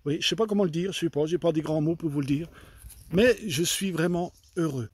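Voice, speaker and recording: High-voiced man giving a halting testimony. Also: darkish tone, husky, no room sound. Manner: halting, repeats phrases and restarts often; earnest and fervent, retelling dialogue in his own voice. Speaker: church member giving a testimony. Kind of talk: personal faith testimony told to an audience.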